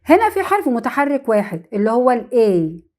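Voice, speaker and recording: A woman with an Egyptian Arabic accent teaching an English lesson on vowel rules, who repeats example words slowly and asks and answers her own questions. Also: a little high, very animated, darkish tone.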